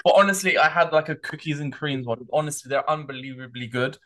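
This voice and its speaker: A man co-hosting a podcast, chatting casually with playful, animated storytelling. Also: fairly high pitch, fast. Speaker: podcast co-host. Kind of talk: casual chat.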